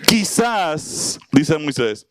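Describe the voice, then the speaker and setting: Slightly high and very animated, this man's voice moves very slowly as he teaches sermon-style Bible lessons. He's a preacher leading a small class, putting questions to his listeners and performing short scenes.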